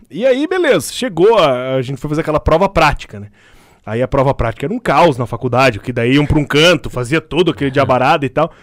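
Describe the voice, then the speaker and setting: A young man talks very fast in a casual podcast chat, throwing himself into an animated story and acting out the other voices. His voice sits a bit high and sounds dry and close, with little room in it. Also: no room sound.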